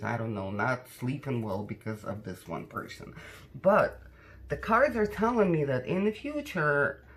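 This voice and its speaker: A tarot card reader talking casually to viewers in a conversational, cautioning way, often tagging questions onto statements. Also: mid-range voice.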